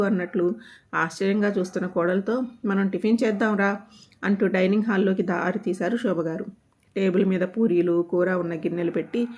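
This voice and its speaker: Woman calmly narrating a story. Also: on the low side. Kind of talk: scripted narration.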